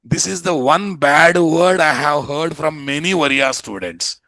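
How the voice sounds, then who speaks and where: A man with a Telugu Indian accent teaching a programming class in an animated, colloquial way, often putting rhetorical questions to the students. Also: on the high side, a little slow, gravelly, no room sound. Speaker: programming instructor. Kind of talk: interactive classroom lecture.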